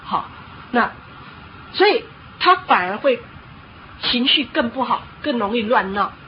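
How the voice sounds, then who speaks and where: Woman preacher, fairly high voice, animated storytelling sermon; dull lo-fi recording with faint hiss. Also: measured pace. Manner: animated storytelling with frequent filler "hao".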